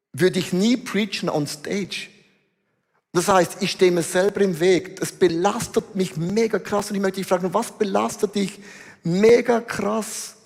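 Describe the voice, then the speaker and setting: A high-voiced man with a Swiss German accent preaches from the stage in an animated, slangy style. His voice carries through a large hall with a long, trailing reverb. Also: gravelly. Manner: animated, mixes in English phrases and slang. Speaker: pastor. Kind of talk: sermon. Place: church auditorium stage.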